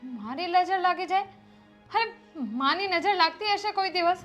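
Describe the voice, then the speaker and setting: Light, high actress playing a timid young wife and mother, pleading softly over a quiet score. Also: expressive, normal speed, dull audio, soft background music. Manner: pleading, meek. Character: young mother, put-upon daughter-in-law. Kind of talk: Gujarati film drama acting.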